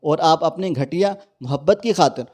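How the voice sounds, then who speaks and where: A man narrates a dramatic moral story in an emotional, preachy way. His voice sits a little high but sounds mellow and soft.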